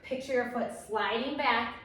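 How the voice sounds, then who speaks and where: In a very reverberant room, a little way from the microphone, a woman leads exercise as an aerobics instructor. Her voice sits on the high side, and she gives short, encouraging, energetic commands. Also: normal speed, a little hiss or hum. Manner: encouraging, energetic coaching in short imperative cues. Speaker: fitness instructor leading a workout. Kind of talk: aerobics instructor cueing and counting down. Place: echoey room, exercising while talking. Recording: very echoey room, distant microphone.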